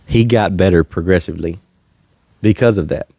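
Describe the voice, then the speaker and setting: A man's voice: low voice, moderate pace, dark tone, dry recording. A man hosting a faith-based podcast, talking in an earnest, slightly preachy way and chuckling often. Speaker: podcast host. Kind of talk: faith-based casual chat.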